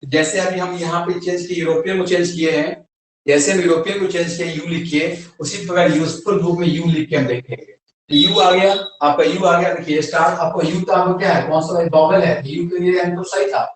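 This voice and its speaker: A man's voice: sits high, fairly even intonation, moderate pace. A man with an Indian accent, an English teacher, giving a classroom grammar lesson and answering his own questions. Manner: asks questions and answers them himself. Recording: very echoey room, voice from far off.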